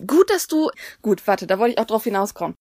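A woman teaching beginner Korean in a relaxed podcast lesson, pausing to model phrases slowly and clearly. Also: medium pitch, dry recording, studio quality. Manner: explains patiently, slows down to model Korean phrases.

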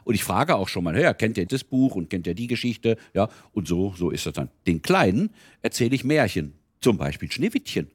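A man's voice: fairly low pitch, a little fast, husky. An older man, a retired volunteer reader for children, talking casually in an interview and slipping into character voices as he tells stories. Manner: animated storyteller, slips into character voices.

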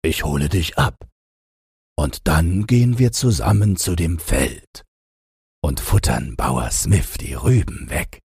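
A man voicing a sly, scheming big bad wolf in a storybook reading, with a deep, gravelly, husky voice and slow, drawn-out, coaxing speech. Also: lively intonation, a little mellow, dry recording, clean studio sound, full character voice.

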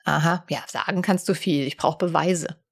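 A woman's voice: low-pitched, moderate pace, creaky, husky. A woman co-hosting a podcast in casual chat, teasing and playful, laughing often. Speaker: podcast co-host.

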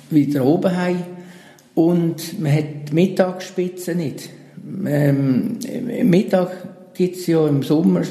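A man with a Swiss German accent, a solar cooperative manager calmly explaining technical details in an interview. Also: on the high side, creaky. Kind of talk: interview answers. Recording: roomy, reverberant room sound.

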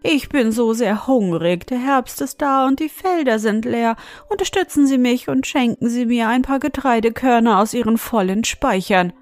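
A woman's voice: fairly high pitch, lively intonation, moderate pace, hardly any pauses, a little mellow, no room sound, faint music behind, natural voice. A woman voicing a whiny, hungry female mouse who pleads and wails in a storybook reading. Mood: pleading. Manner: wailing, pleading and sobbing.

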